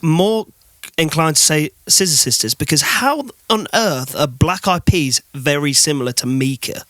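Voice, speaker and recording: A man's voice: on the high side, animated, moderate pace, a bit bright, dry recording. An English man co-hosting a podcast, chatting in an eager, jokey way. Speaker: podcast co-host. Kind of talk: casual chat.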